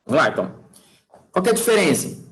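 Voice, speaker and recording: A man's voice: on the high side, fast talker, poor audio. Chatty Brazilian man teaching class. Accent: Brazilian Portuguese. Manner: checks in with students constantly, asking "tá?" and "fechou?"; relaxed and chatty, using folksy sayings. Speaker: English teacher. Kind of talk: casual classroom lesson.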